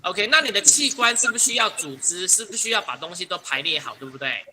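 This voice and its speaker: A man teaching an online English class, patiently drilling pronunciation and ending phrases with a soft "ha". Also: sits high, expressive, quick pace, slight background noise, rough recording. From Taiwan. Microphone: computer mic on a video call. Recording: video call with students' crowd chatter. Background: students' voices on open mics.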